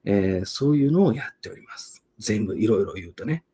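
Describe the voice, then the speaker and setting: A man's voice: on the low side, expressive, fairly quick, warm tone, husky. A man, an English pronunciation teacher chatting self-assuredly and rambling on a live stream. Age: 40s.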